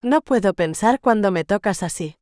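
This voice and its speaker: A woman's voice: medium pitch, lively intonation, moderate pace, a little mellow, dry recording, clean studio sound, lightly acted. Woman voicing a spirited, playful young bride. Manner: playful and frank.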